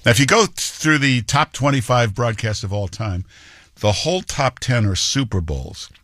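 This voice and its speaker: A man's voice: mid-range voice, expressive, moderate pace, a bit bright, no room sound, studio quality. A man hosting a radio talk show, delivering an opinionated monologue in a punchy, conversational way with frequent fillers. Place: radio studio.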